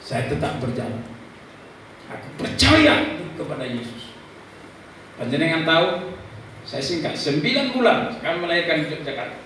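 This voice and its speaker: A man preaching a dramatic sermon, swinging from quiet asides to shouted praise. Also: on the high side, sing-song, moderate pace, pauses often, slight background noise. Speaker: pastor. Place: church. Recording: echoey church from far off.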